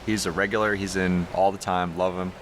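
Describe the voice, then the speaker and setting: A man's voice: brisk, a little hiss or hum. A man co-hosting a casual podcast, telling bar stories with lots of energy and acted-out voices. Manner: animated, jumps high when acting out the story. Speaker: podcast co-host, brewery owner. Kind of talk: casual storytelling chat.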